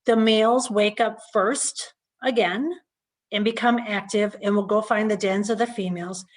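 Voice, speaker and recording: Woman naturalist giving a relaxed online talk. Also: medium pitch, moderate pace, low-quality recording. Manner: conversational, with fillers and restarts. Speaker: naturalist presenter. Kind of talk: online lecture.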